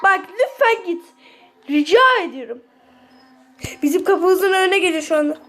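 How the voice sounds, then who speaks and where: A woman's voice: very high-pitched, moderate pace, a little hiss or hum. A woman commentating her horror game play, panicking, pleading with the monster and screaming when it comes close, with the mic held up to her ear. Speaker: gameplay streamer.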